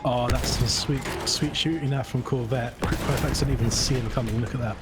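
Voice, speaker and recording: A man's voice: medium pitch, fairly even intonation, moderate pace, over loud music. A man giving casual color commentary on an online game match, with joking, self-mocking asides. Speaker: esports co-commentator and admin. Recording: loud game gunfire and artillery behind the voice.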